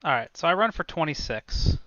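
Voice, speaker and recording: Bright, crisp man on a slightly dull lo-fi mic, easygoing player asking wry questions. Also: on the high side, sing-song, brisk, no echo. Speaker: board game player. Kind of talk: casual chat over a board game.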